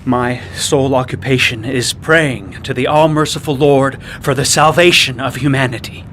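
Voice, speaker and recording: A man's voice: mid-range voice, normal speed, fairly bright tone, slight background noise, lightly acted. An actor playing a fearful religious zealot man who preaches about doom and breaks into frantic screams. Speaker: suspect in a game cutscene.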